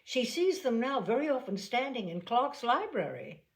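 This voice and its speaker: A woman's voice: on the high side, sing-song, normal speed, pitched above the performer's own voice. Woman putting on an eager, gossipy teenage girl. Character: eager, frivolous teenage daughter in a period novel.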